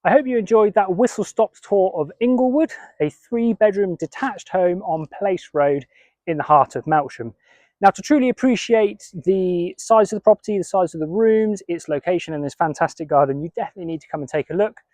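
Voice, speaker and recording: A man's voice: high voice, lively intonation, moderate pace, darkish tone, no room sound. A man working as an estate agent, giving an upbeat, chatty walking tour of a house and garden and talking straight to the viewer. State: out of breath from the heat. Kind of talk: walking property tour to camera. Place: house and garden, indoors and outdoors.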